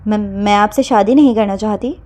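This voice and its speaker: A woman's voice: on the high side, warm tone, natural voice. A woman voicing an upset young heroine who protests on the verge of tears, her voice shaky. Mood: defiant.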